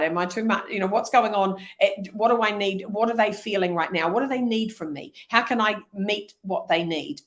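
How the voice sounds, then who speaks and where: A middle-aged woman, an energetic leadership speaker talking as an interview guest. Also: mid-range voice. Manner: energetic, animated storytelling. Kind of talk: conversational interview.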